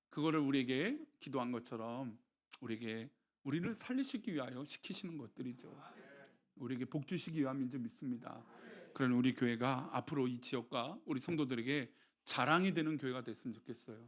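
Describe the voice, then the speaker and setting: Animated high-voiced Korean pastor preaching. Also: male voice. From Seoul, South Korea. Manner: animated preaching, asks the congregation questions, drops low for blessings. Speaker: senior pastor. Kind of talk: sermon.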